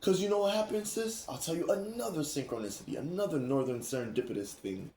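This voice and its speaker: A man hosting a casual chat, telling stories in an animated way, laughing and acting out what others said. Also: fairly high pitch, fast talker, a little hiss or hum. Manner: animated, laughing, acts out quoted speech. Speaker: streamer and host. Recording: roomy echo.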